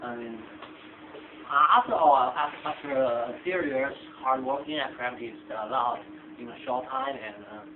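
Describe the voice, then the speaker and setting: Chinese-accented man guest, halting, gravelly, lively pitch; phone-thin roomy noisy sound. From China. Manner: halting, hunts for words. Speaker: interviewee, gamer. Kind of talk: casual interview answers. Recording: tinny lo-fi echoey room with noise.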